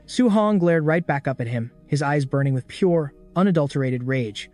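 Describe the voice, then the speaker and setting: Give me a man narrating a story recap with hyped drama, over soft music. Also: a little high, expressive, normal speed. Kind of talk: scripted narration.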